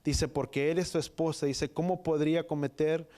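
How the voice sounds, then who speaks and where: A man preaching a sermon, reading scripture in halting phrases and repeating "dice" between them. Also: on the high side, steady tone, mellow. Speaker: pastor.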